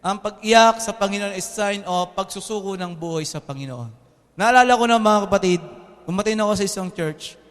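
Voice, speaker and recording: Young Filipino pastor, male, preaches in a high, bright voice, trading jokes and "Amen?" with his flock; recorded in a reverberant church hall. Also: fairly quick. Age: young adult. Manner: lively, joking, often asks the congregation "Amen?". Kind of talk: sermon. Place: church hall with air conditioning.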